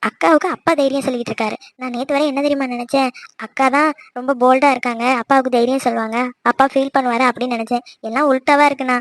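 Woman doing a teasing cartoon little sister, chatty, high, fast, dry sound. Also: fairly even intonation, no echo. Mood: curious. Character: cheeky younger sister, teasing girl. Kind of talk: cartoon voice acting.

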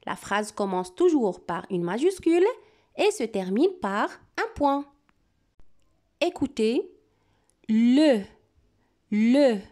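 A woman teacher giving a French dictation to young pupils, repeating each word and syllable slowly and giving calm step-by-step instructions. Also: fairly high pitch. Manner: slow, deliberate dictation with words repeated clearly. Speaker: primary school teacher. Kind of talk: classroom dictation lesson.

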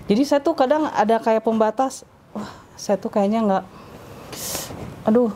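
A woman guest in a casual interview, telling her life story in a lively way and acting out what others said. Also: fairly high pitch, unhurried, a little hiss or hum.

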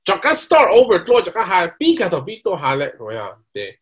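Guy with a slightly high voice teaching old ritual verses, reads a line then explains it, keeps checking everyone's following, drops in english words. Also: huge pitch swings, fairly quick. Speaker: cultural course instructor.

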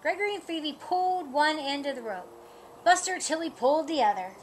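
A camera several feet away records a middle-aged woman reading a children's picture book in a sunny yard. She reads slowly and with liveliness in a high-pitched voice, going higher for the animal lines. There is slight background noise.

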